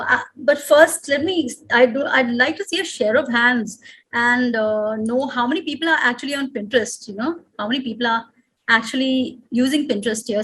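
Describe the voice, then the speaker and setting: A middle-aged woman from India speaks on a video call, in a husky voice pitched a little high. She chats freely, with plenty of fillers and restarts. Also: a bit bright, poor audio. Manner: chatty, with many fillers and restarts. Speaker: guest speaker.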